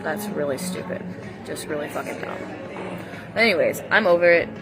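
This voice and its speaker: A woman's voice: sits low, lively intonation, fairly quick, rough recording. A young adult woman giving a rambling, confessional livestream monologue in a candid, emphatic and repetitive way, with blunt language. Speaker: livestream vlogger. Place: coffee shop, indoors. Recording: music playing behind the voice. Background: music.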